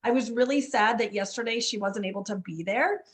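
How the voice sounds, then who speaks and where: A woman's voice: fairly high pitch, fairly quick. A woman run club coach telling a story in a casual interview, chatty, full of fillers and "you know what I mean".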